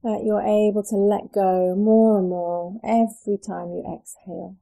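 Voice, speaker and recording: Leading a guided relaxation, this woman has a dark, mellow, relaxed voice with some vocal fry. Soothing and gentle like a yoga teacher, she leaves unhurried pauses between phrases, her pitch sitting in an ordinary middle range for a woman.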